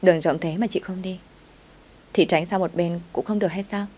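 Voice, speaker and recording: A woman's voice: fairly low pitch, fairly even intonation, brisk, dark tone, lightly acted. A woman reading a defiant young dishwasher.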